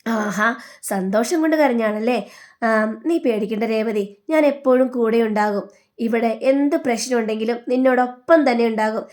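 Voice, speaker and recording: A woman's voice: a little high, normal speed, darkish tone, natural voice. A woman reading as a protective young husband. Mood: gentle. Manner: firm, protective.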